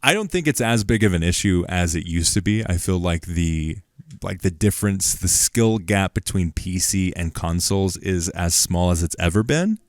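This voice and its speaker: Male podcast co-host, very deep voice, dry close sound, laid-back and halting. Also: no room sound. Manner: relaxed, hesitant, many ums and laughs. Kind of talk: casual chat.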